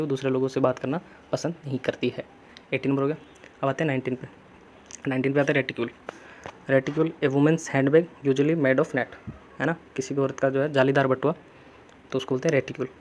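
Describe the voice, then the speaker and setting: Young guy teaching vocab, casual and chatty, pretty flat voice, bit of background noise. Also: mid-range voice. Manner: chatty, storytelling memory tricks, frequent "है ना". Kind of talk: casual Hindi-English lesson.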